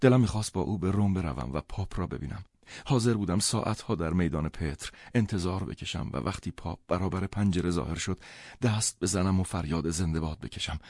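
A man reading a novel aloud as an audiobook narrator, in measured first-person storytelling. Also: low-pitched, a little mellow, no echo, clean studio sound.

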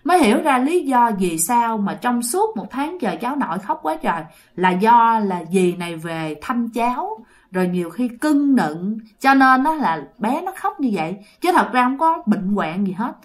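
A woman with a Southern Vietnamese accent narrates a ghost story, chatty and direct with her listeners. Her voice sits fairly high and swings lively up and down. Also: normal speed.

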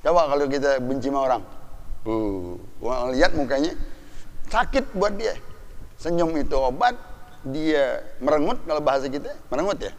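A man preaching a sermon, animated, asking the congregation rhetorical questions. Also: on the high side, moderate pace. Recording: long hall reverb.

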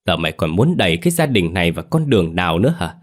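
A man's voice: low-pitched, very animated, racing. A man voicing an old grandmother who harshly scolds her grown son in a spoken ghost story. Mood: angry scolding.

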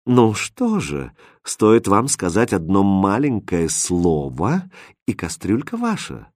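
Мужчина изображает вкрадчивого хитрого принца. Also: male voice, on the low side, huge pitch swings, slow, dry recording, studio quality, full character voice. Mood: sly. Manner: quiet, insinuating. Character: sly soft-spoken young prince.

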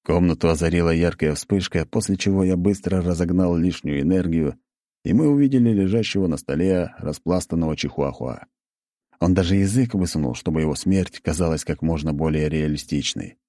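Deep, dark-voiced male narrator. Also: fairly quick, no echo, studio quality. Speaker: audiobook narrator. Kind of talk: first-person audiobook narration.

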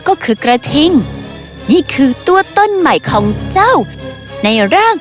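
A woman voicing a stern female fairy of truth who pronounces judgment slowly and solemnly, in a storybook tale. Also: extremely high pitch, very animated, faint music behind, pitched above the performer's own voice, heavily acted.

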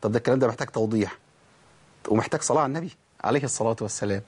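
Speaking very fast in a mid-range voice with a breathy edge, a man with an Egyptian accent leads a recorded Quran recitation lesson. He poses questions and answers them himself, repeating words to demonstrate how the letters should sound.

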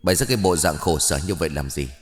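A man's voice: low-pitched, expressive, quick pace, big-room sound, faint music behind, voice pushed down. A man voicing a bossy old female ghost elder in an audiobook, questioning brusquely. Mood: stern.

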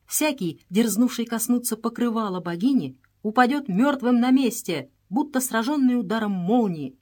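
A woman's voice: on the high side, lively intonation, normal speed, a little mellow, pitched above the performer's own voice. Kazil, a woman reading a deferential young servant. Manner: deferential, urgent warnings. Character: devoted young Indian servant, fearful and reverent. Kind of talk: audiobook character reading.

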